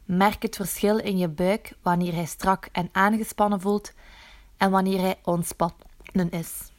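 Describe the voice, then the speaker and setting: A woman narrates a guided muscle relaxation exercise in a soothing, instructive way, gently coaxing the listener along. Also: mid-range voice, fairly even intonation, a little slow.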